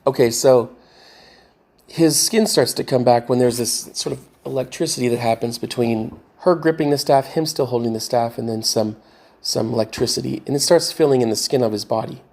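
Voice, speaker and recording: A man talking in a rambling casual monologue, halting often with fillers and restarts as he tries to recall what he said before. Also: medium pitch, vocal fry, darkish tone. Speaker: vlogger retelling a movie rewrite.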